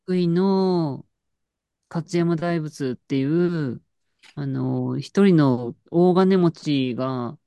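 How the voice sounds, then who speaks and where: A woman's voice: low-pitched, extremely slow, dark tone, no room sound, dull audio. A woman in casual chat, telling an anecdote with lots of fillers and restarts. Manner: storytelling with frequent fillers and laughs.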